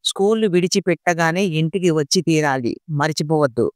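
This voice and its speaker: A woman voicing a strict, quick-tempered wealthy father in an audiobook story reading, with a scolding, commanding manner. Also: low voice, a little mellow, dry recording, clean studio sound, natural voice. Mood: stern.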